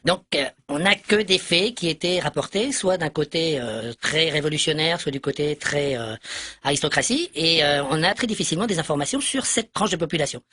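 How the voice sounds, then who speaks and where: Male interview guest, novelist type: altered anonymized voice, raspy edge, quick delivery, hesitant phrasing. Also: fairly high pitch, bright, forceful tone, no echo, studio quality. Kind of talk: radio interview answers.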